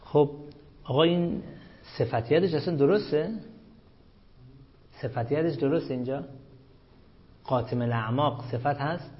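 A male teacher giving an Arabic grammar lesson, quizzing his students and chanting verse lines slowly. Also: on the high side. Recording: muffled lo-fi recording.

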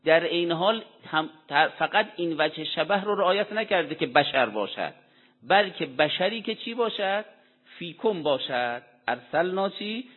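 A religious lecturer gives a Quran commentary with a slightly high, expressive voice, explaining deliberately and weaving in Arabic quotations. He poses rhetorical questions and answers them himself. The sound is tinny and phone-like, with long hall reverb.

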